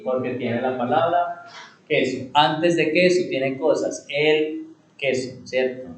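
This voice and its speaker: A male instructor leads a computer class, asking himself rhetorical questions and answering them, repeating key words and slowing down on them for emphasis. His voice is medium-pitched, and the poor audio is reverberant.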